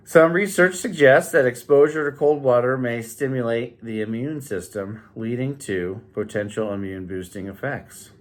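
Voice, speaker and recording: A man hosting a health vlog, talking casually and reading out points with rambling, jokey asides. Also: mid-range voice. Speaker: host of a health challenge series.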